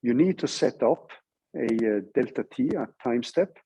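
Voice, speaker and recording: A male lecturer from Norway explains material informally at a university, going step by step and checking in along the way. His mellow, fairly husky voice sits at a middling pitch, with lively intonation at a moderate pace, though the audio is poor.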